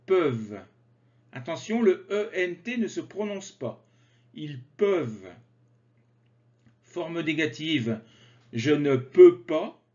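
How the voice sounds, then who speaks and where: A man teaching French grammar, slowly and carefully articulating conjugation drills. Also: a little high, lively intonation, a little mellow. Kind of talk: slow grammar lesson with drills. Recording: slightly dull lo-fi sound.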